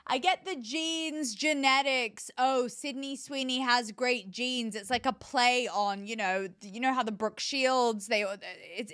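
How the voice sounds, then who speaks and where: A woman hosts her own political commentary show, delivering opinionated remarks in an emphatic, scornful tone packed with rhetorical questions. Her voice is a little high and fairly bright, captured with clean studio sound and no room echo.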